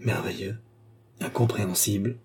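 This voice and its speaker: A man's voice: medium pitch, fairly even intonation, a little fast, mellow, slight background noise, lightly acted. A man voicing a proud cardinal in an audiobook, speaking haughtily and often in a murmur. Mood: haughty. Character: proud, wondering older male cardinal.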